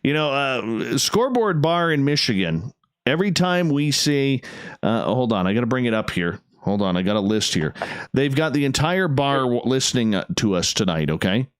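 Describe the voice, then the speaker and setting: A man's voice: mid-range voice, big pitch swings, moderate pace, clean tone, dry recording, studio quality. A man hosting a casual late-night radio show, effusive and emphatic, often repeating his phrases.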